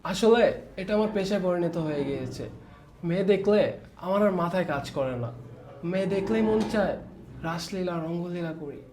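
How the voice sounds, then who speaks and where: Casting: man acting as a sleazy boastful boss, high voice, slight noise. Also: fairly quick, darkish tone, close to an everyday voice. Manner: boastful, leering, wheedling. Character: lecherous rich young office boss, brash. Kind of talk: amateur short film acting.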